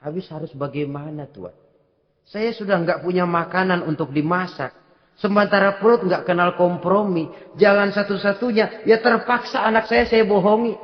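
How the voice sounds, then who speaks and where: A man acting out a poor mother whose soft, weary voice pleads with a stranger. His delivery is a little low for her part and carries a long echo across a large hall. The recording itself sounds dull and lo-fi. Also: normal speed, natural voice. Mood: pleading.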